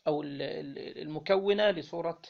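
A man with an Egyptian accent teaching Islamic law, reading a legal text aloud and then explaining it, often pausing to quiz his listeners. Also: a little high, vocal fry, muffled recording. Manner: reads the text then explains, quizzing listeners with "what?" pauses.

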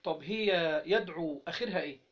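A man with an Egyptian Arabic accent teaching Arabic grammar in an interactive lesson, prompting students to finish his sentences and drawing out example words slowly. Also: a little high. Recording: dull lo-fi recording.

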